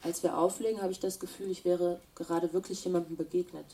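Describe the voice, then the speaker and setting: A woman plays a reflective traveler who narrates in a low, mellow voice. The delivery is calm and thoughtful, and she sounds slightly away from the mic. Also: quick pace, distant mic, a little hiss or hum, lightly acted. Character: reflective female traveler on a flight. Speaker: traveler telling her story.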